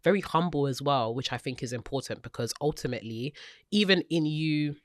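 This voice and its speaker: A woman co-hosting a podcast, who talks in an affirming, reflective and measured way. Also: low voice, lively intonation, no room sound, studio quality. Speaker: podcast co-host. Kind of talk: casual podcast chat.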